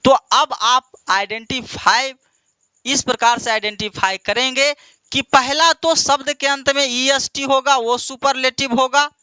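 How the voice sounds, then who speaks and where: An extremely high-pitched, steady male voice, pushed and bright, clear and resonant, comes through in a dry recording. The Indian speaker teaches English grammar with drawn-out repetition and call-and-response quizzing, answers his own questions, and calls his students "my dear".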